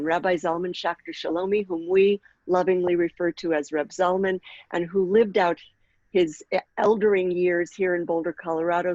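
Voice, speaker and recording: A woman in her sixties leading a workshop on aging, speaking in a measured way and clearing her throat now and then. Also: fairly low pitch, darkish tone, no room sound, lo-fi sound. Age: 60s. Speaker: workshop leader and author. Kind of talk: workshop talk with read-aloud passage.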